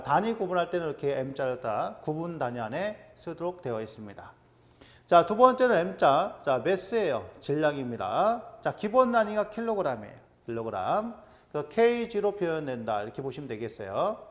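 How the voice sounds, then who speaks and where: A middle-aged man teaching an exam-prep lecture, drilling terms and quizzing his students with quick questions. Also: a little high. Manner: animated, drills terms with "자" and quiz-style questions. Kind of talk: classroom lecture.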